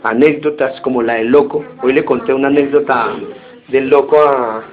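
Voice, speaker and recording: A man preaching a sermon, telling anecdotes in an animated way and acting out the quotes. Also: mid-range voice, moderate pace. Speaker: pastor. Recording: tinny phone-like audio with faint hiss.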